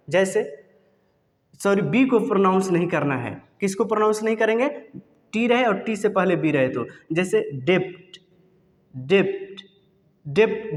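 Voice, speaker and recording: A man's voice: high voice, big-room sound. A man teaching a video lesson, asking questions and answering them himself.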